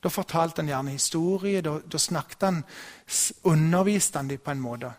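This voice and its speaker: A middle-aged male pastor with a slightly higher voice gives a sermon. He talks in a loose, storytelling way, often restarting his sentences.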